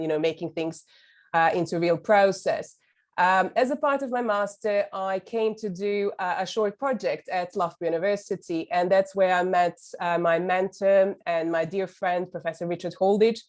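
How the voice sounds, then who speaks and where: Woman from serbia giving a webinar talk, slightly low voice, friendly with lots of ums. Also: a little mellow. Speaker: university lecturer. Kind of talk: webinar presentation.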